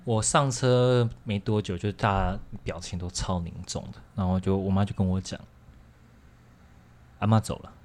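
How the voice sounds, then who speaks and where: Low-voiced young man with a Taiwanese accent. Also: steady tone, moderate pace, darkish tone. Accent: Taiwanese Mandarin. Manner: candid, rambling, frequent restarts and laughs. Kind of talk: casual storytelling chat.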